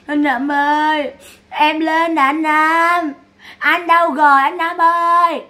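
Woman doing a sobbing old-ish lady wailing at a grave, high and stretched out, slow. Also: level tone, bright, forceful tone, exaggerated voice. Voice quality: sobbing, drawn-out pleading. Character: wailing middle-aged woman begging her dead brother.

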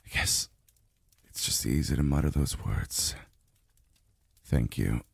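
Relaxed and grateful, a weary, tender adult male immortal is played by a man in intimate ASMR roleplay as his lover soothes him. The put-on voice is extremely deep, husky, gravelly and breathy, murmuring very slowly and haltingly with soft sighs, a full character voice captured close and dry with no echo.

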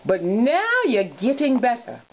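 A woman voicing a cheerful, polite male Scottish Terrier toy in a high, sing-song put-on voice with stretched-out words. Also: big pitch swings, a little slow, slight background noise. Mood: encouraging. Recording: dull lo-fi home recording.

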